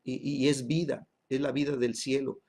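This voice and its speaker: Husky-voiced man teaching Bible class. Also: medium pitch, flat delivery, normal speed, darkish tone. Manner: emphatic, peppered with tag questions.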